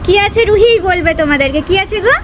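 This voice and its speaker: Very high-pitched woman from West Bengal, home vlogger, chatty baby-talk mom, courtyard, lapel mic. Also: animated, quick pace, background noise. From West Bengal, India. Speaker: vlogger, mother. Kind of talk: casual vlog narration. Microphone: wireless lapel mic.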